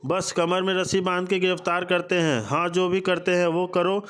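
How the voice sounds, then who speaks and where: A man's voice: high-pitched, little pitch movement, normal speed, a bit bright, smooth. A man reading the lines of a childlike, stubborn grown woman who pouts and repeats herself. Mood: sulky.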